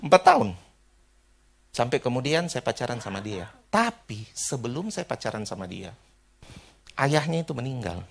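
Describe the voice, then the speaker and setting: A man from Indonesia preaching a sermon, an animated storyteller who imitates people and laughs along. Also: medium pitch, normal speed, creaky, long pauses, slightly rough. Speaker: pastor.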